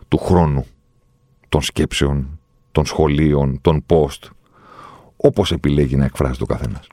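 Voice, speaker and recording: A middle-aged man with a very low, warm, mellow voice talks straight into a close microphone in a dry room. He builds his opinions emphatically, circling back with repeated phrases, thoughtful rather than loud. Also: slightly rough, dry recording. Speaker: podcast host. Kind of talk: solo opinion monologue.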